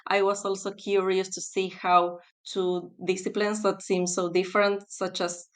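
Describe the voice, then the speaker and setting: A smooth-voiced woman from Argentina, a textile specialist, appears as a guest on a podcast interview. Her mid-range voice has a flat delivery, and she comes across as thoughtful, using fillers and pauses.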